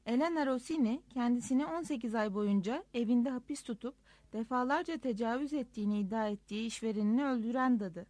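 A woman narrating a first-person diary story aloud in a lively, expressive reading. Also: on the high side, no room sound. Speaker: audiobook narrator.

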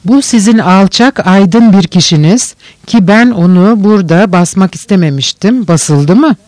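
A man reading a bitter young male radical, hostile and scornful. Each line comes out curt in a fairly high voice. The audiobook sound is dry and close, with no room around it. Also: unhurried, darkish tone, no room sound.

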